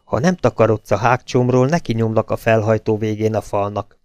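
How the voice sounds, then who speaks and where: A man's voice: fairly low pitch, steady tone, darkish tone, clean tone, dry recording, studio quality, natural voice. A man voicing a cold, determined woman who hisses her words in an audiobook reading. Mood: icy. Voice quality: icy, hissing. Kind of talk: audiobook character voice.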